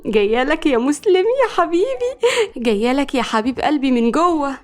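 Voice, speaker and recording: Woman doing a young Egyptian woman, lovestruck, brash, dramatic, high voice, quick talk. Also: a little mellow, close to an everyday voice. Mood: swooning.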